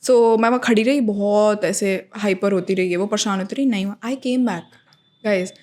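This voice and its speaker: A young woman co-hosting a casual chat, telling a travel mishap story and acting out the back-and-forth in her own voice. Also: moderate pace. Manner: animated storytelling, acts out quoted exchanges with big pitch jumps; mixes Hindi and English freely. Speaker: podcast co-host.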